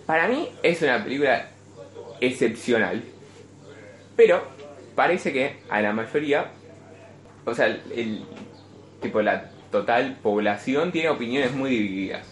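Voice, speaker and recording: A man's voice: medium pitch, a little slow, pauses often. A young man with a Rioplatense Spanish accent hosting a casual film podcast, blunt and swearing freely. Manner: blunt, swears freely, lively when excited. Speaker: podcast host. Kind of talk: casual film chat with friends. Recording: echoey room with faint noise.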